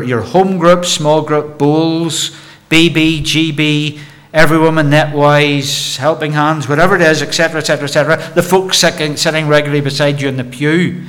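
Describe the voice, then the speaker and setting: A man's voice: a little high, a bit bright. A male minister delivering a sermon in an earnest, exhorting way, often repeating words as he starts a phrase.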